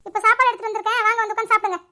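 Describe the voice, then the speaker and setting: A woman voicing a shrill scolding cartoon mother. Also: fairly even intonation, rapid-fire, sharp tone. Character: scolding hot-tempered mother, middle-aged woman. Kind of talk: cartoon voice acting.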